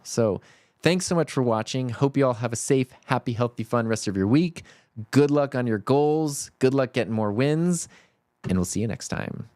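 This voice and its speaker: A man's voice: medium pitch, no echo. A man hosting a livestream, chatting casually and a bit rambly, with plenty of fillers. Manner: relaxed, rambling, talks with many fillers. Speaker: stand-in livestream host.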